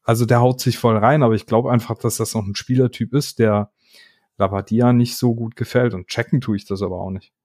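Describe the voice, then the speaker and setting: A man's voice: mid-range voice, fairly even intonation, fairly quick, darkish tone, dry recording. Enthusiastic slangy man, dry mic. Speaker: podcast co-host. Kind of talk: casual football podcast chat.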